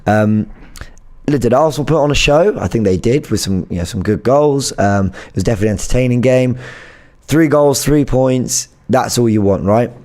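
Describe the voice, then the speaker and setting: A man who has lost his voice, speaking hoarsely as he casually presents a fan show to camera. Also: mid-range voice, normal speed, a little mellow. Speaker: fan channel host.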